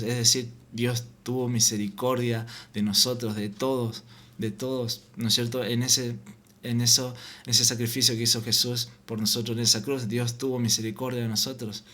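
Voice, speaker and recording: A man giving an informal Bible teaching, reading scripture aloud and often halting and repeating words. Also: mid-range voice, fairly bright tone. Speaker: preacher.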